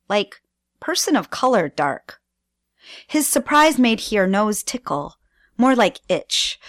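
A woman guest performing spoken-word poetry on radio, with slow, deliberate delivery and dramatic pauses. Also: mid-range voice, no room sound, clean studio sound. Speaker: guest poet.

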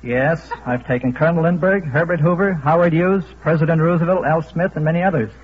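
American man, scripted-sounding 1930s interview answers, matter-of-fact, fairly high pitch, faint hiss of an old broadcast. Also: brisk. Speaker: newsreel cameraman interview guest. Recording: muffled, noisy old radio broadcast.

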